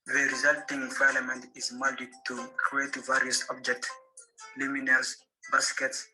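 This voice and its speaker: A man with a Malian accent narrates a scripted explanation in a steady reading voice. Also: mid-range voice, unhurried, faint music behind, rough recording.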